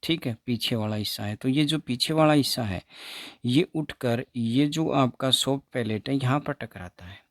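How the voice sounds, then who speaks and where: A man teaching phonetics, repeating each sound slowly so students can say it with him. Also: medium pitch, fairly bright tone, dry recording, studio quality. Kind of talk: explaining phonetics lesson.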